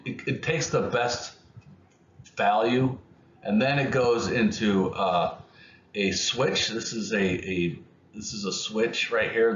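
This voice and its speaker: A man explaining electronics concepts in an unscripted lesson, speaking haltingly with many restarts and fillers. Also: lowish voice. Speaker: electronics educator. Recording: muffled, roomy, faint noise.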